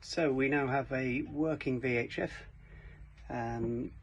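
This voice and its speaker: Taking it slowly, with a mid-range voice and fairly even intonation, a man gives an informal DIY walkthrough on a small cabin motorboat as presenter of a boat fitting shop's how-to videos. He sometimes hesitates while working, feeling for words. It's recorded with dull, lo-fi camera sound and faint noise.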